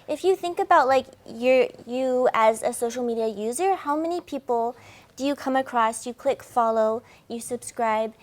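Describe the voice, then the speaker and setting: A woman's voice: a little high, moderate pace. A woman on a panel reassuring a young creator, her talk full of "like" and "you know.". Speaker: social media influencer on a panel.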